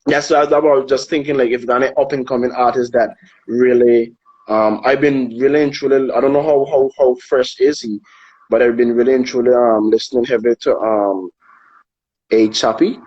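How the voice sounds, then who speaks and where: A man from Anguilla, a soca artist chatting casually in an interview, relaxed and hesitant, often repeating words while he thinks. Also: medium pitch, fairly quick, dull audio. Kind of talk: casual interview over a live video call. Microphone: phone on a live video stream.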